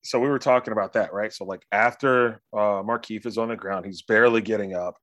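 An American man hosts a laid-back sports talk podcast, spinning animated, slang-filled stories and often checking in with the listener. His voice sits on the low side and moves a little fast, captured in a dry recording.

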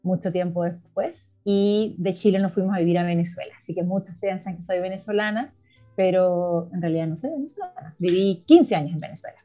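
A middle-aged woman from Argentina, a guest telling her life story in a relaxed, chatty way. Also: lowish voice, a little fast, faint music behind. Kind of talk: casual interview talk.

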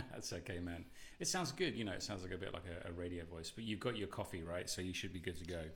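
A man's voice: low-pitched, lively intonation, fast talker, gravelly, a bit bright. A man hosting a podcast, welcoming his guest in an upbeat, easygoing way. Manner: upbeat, laughs easily. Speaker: podcast host. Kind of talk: casual interview talk.

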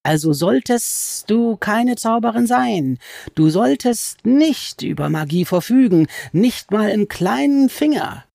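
A woman doing a hissing, drawn-out goblin. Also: fairly high pitch, animated, gravelly, dark tone, no room sound, clean studio sound, voice pushed up, exaggerated voice. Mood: gloating, indignant. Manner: slow, drawn-out, hissing delivery. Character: menacing sly male goblin, fanatically loyal servant.

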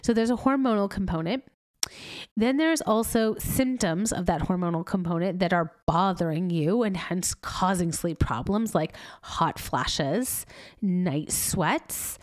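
A woman's voice: medium pitch, dry recording, studio quality. Congested woman doing a chatty health talk. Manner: chatty and animated, with asides and laughs. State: congested, nasal-sounding. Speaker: doctor and health podcast host.

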